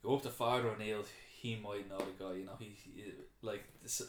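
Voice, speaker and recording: Lower-voiced guy throwing out plot ideas, stops and restarts a lot, echoey room. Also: steady tone, background noise. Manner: eager, pitching ideas with halting restarts. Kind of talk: casual brainstorming chat. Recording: roomy echo.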